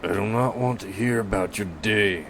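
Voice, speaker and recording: Man doing a gruff burly butcher. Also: on the low side, moderate pace, fairly bright tone, slight background noise, pitched above the performer's own voice. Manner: grumbling, stern.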